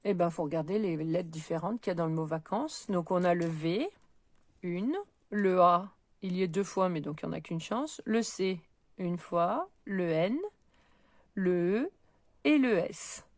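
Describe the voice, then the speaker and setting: A woman teaching a middle school math lesson, working through probability exercises out loud in a patient, step-by-step way with many small hesitations. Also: fairly low pitch, measured pace, no echo. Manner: patient, talks while counting and pointing things out, frequent "euh" and "donc". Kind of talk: recorded lesson, correcting exercises aloud.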